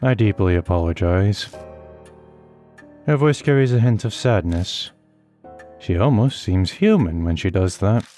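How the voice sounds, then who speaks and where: A man reading a horror visual novel aloud in steady first-person narration. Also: lowish voice, moderate pace. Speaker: let's play host. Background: faint game music.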